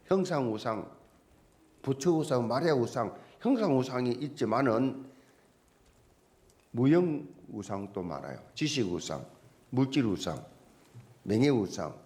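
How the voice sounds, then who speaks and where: A man's voice: medium pitch, very animated, unhurried, pauses often, a little mellow. A male pastor preaching a sermon with emphasis, firing off repeated rhetorical questions at the congregation.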